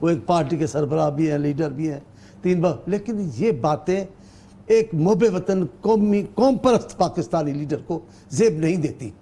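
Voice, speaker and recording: A male political guest speaking in a measured, emphatic way, using formal wording. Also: a little high, warm tone. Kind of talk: talk show debate.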